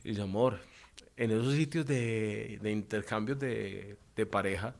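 A man, a comedian rambling through a joke on radio with sudden loud bursts. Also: on the low side, a little slow, creaky, a little hiss or hum.

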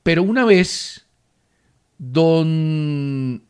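A man's voice: a little high, expressive, very slow, darkish tone, clean tone. Insistent sports radio man. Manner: insistent, quizzing his co-host. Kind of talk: casual sports talk.

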